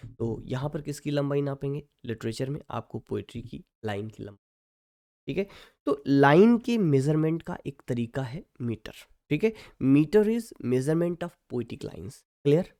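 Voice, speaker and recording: A man teaching an English literature lesson in Hindi mixed with English. He keeps checking with his students and slows right down to dictate definitions. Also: mid-range voice, vocal fry, mellow. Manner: mixes Hindi and English, keeps asking "ठीक है".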